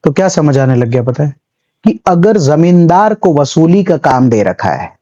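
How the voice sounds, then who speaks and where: A man with a slightly high, warm voice and big pitch swings speaks at a measured pace, with the high frequencies cut off. He's a civil services exam history teacher giving a chatty classroom lecture, telling little stories, acting out small scenes and mixing English terms into his speech.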